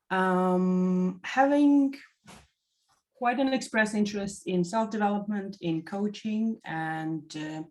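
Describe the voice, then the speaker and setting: A woman in her thirties from Latvia, giving a reflective testimonial interview and pausing often to find her words. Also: medium pitch, a little mellow. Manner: thoughtful, many fillers and self-corrections. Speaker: interview guest, executive assistant.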